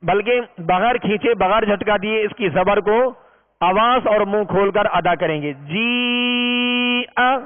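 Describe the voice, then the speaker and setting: A man's voice: sits high, a little slow. A man teaching Quran recitation in a patient, step-by-step way, drawing out long vowels as he demonstrates. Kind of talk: recorded tajweed lesson. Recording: tinny, reverberant lo-fi recording.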